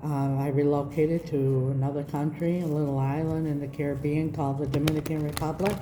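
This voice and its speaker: A woman with a low-pitched voice reads cards for her online viewers in an earnest, reassuring way. Her consonants are a little slushy and slurred. The room echoes around her, and there is clear noise behind the voice. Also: level tone, fairly quick, dark tone. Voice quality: slightly slurred, slushy speech after mouth surgery. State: recovering from mouth surgery, speech slightly off. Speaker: tarot reader, channel host. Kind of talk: spiritual card reading to online viewers. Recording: roomy echo, background noise.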